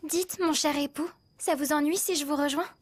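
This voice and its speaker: A woman's voice: high-pitched, fairly even intonation, normal speed, close to an everyday voice. A woman voicing a protective, suspicious wife in an anime dub. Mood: tender.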